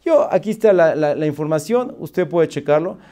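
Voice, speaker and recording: A flustered young female clerk answers softly and apologetically in a raised voice, as a man puts her on in his story. She speaks with a mellow tone. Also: on the high side, expressive, moderate pace, close to an everyday voice. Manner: apologetic, flustered, soft-spoken.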